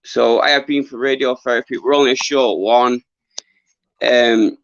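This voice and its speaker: A middle-aged man who is losing his voice, chatting casually to viewers on a livestream in an earnest, halting, rambling way. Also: mid-range voice, steady tone, dry recording. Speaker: livestream host, former boxer. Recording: dull lo-fi livestream audio.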